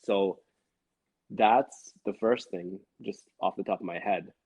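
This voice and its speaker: A man from Sri Lanka, a guest developer on a casual livestream, talking with pauses and soft asides. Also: sits low, breathy edge, no room sound. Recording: dry lo-fi stream audio.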